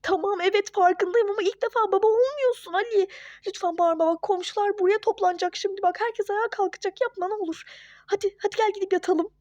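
A woman voicing a young wife and mother in a home-made toy-game role-play, scolding and hushing her husband. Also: very high-pitched, fast, no echo, pitched above the performer's own voice. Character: young wife and mother, hurt but firm and sensible.

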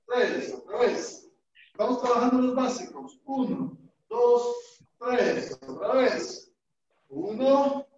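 A man teaching a martial arts class online, counting out drills and calling brisk commands. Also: very high-pitched, darkish tone. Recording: echoey room, distant mic, dull sound.

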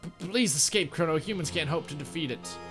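A man voicing a gentle, self-sacrificing video game princess who pleads softly and earnestly. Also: a little high, brisk, over music, voice pushed up, close to an everyday voice. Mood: pleading.

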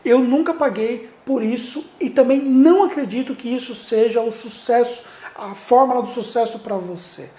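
Speaking straight to the viewer, this Brazilian-accented man in middle age coaches on public speaking with earnest intent and lots of hand gestures. The lapel-mic audio catches a very high, dark-toned voice and an echoing room, in a studio set against a plain light backdrop.

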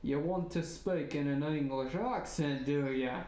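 A man's voice: on the high side, a little slow, darkish tone, a little hiss or hum. Teasing easygoing guy gaming, echoey room. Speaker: co-host playing a video game. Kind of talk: casual chat while gaming.

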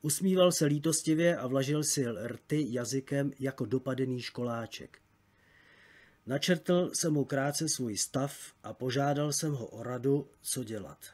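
A man reading a travel story aloud as an audiobook narrator, measured and literary. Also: medium pitch, darkish tone.

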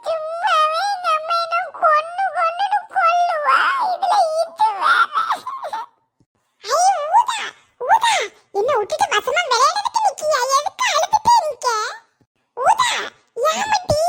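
A voice actor playing a chatty little village girl who fears her mother, with a Kanyakumari Tamil accent and an excitable, half-crying manner. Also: very high voice, moderate pace, heavily acted. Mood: fretful.

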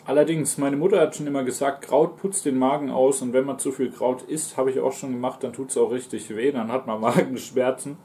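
A man's voice: medium pitch, fairly even intonation, a little fast, hardly any pauses, dark tone. A man in his twenties with a German accent, chatting casually on a livestream and answering viewers while he eats. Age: 20s. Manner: talks between mouthfuls, reading out and answering chat. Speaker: streamer and mukbang host. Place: small living room, indoors on a sofa.

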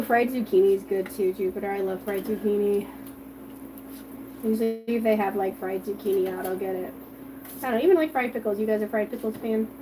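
While frying food in her home kitchen, a mother hosts a cooking livestream, reading viewers' comments and chatting casually with them. Her voice is a little high, and the background is noisy.

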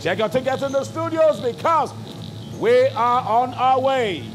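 A man's voice: extremely high pitch, a little slow. A middle-aged man with a Nigerian accent hosting a live lottery draw, calling out to the crowd like a hard-selling showman with repeated barker's phrases. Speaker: game show host. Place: large indoor stage before a seated audience. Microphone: handheld microphone. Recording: music behind, live stage microphone.

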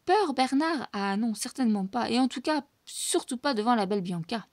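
A woman's voice: fairly high pitch, animated, moderate pace, no room sound, lightly acted. A timid but gallant little mouse hero, earnest and a bit worried in how he speaks, as a woman reader puts him on. The recording is dry and close to the mic. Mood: proud.

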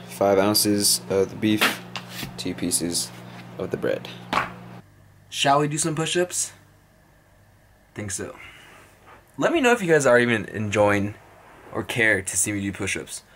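Bright-voiced casual male vlogger. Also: lowish voice, slight background noise. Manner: casual, talks straight to viewers. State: out of breath. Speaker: fitness vlogger. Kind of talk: casual vlog chat.

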